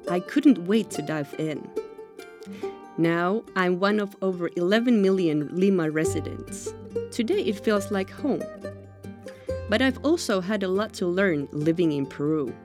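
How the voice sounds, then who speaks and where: A woman from Finland reading a scripted documentary narration as a reporter, calm and measured. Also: lowish voice.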